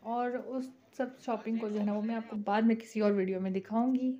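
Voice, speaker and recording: A woman from Pakistan vlogs casually, chatting to viewers with frequent "ji" as she shops in a bazaar at night and later at home. Her fairly high, mellow voice has fairly even intonation and a slightly fast pace, on dull lo-fi phone audio with faint street noise.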